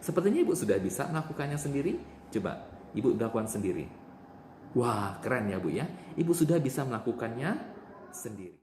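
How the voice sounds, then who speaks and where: A man's voice: mid-range voice, sing-song, a little fast, a little mellow. A man playing a nurse in a role-play demonstration, patiently repeating the patient's answers back to her. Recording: echoey room with faint noise.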